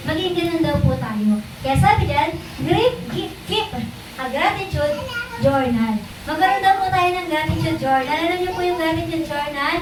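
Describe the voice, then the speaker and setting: A woman preaching a sermon in a conversational way, often checking in with her listeners through quick rhetorical questions. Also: extremely high pitch, expressive, noisy background. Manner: conversational, repeats and restarts points. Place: church meeting room. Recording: echoey room.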